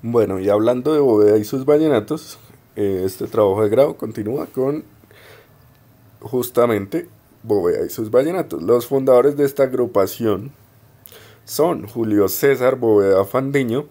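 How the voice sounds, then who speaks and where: A young man presenting his degree project in an unhurried, explanatory way, with frequent hesitations. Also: medium pitch, dark tone. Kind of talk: informal spoken presentation.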